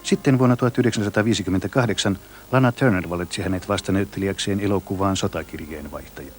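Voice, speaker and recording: A man narrating a documentary in an even, informative scripted read. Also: deep voice, rapid-fire. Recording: voice-over with faint music.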